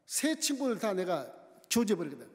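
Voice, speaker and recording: A man's voice: high-pitched, very animated, brisk. A man preaching a sermon as pastor, telling the story animatedly and acting out its dialogue. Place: church sanctuary. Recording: long church hall reverb.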